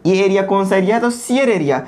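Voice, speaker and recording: A woman giving an engineering lecture, posing questions to the class and answering them herself, repeating key terms slowly. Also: medium pitch, lively intonation, a little mellow.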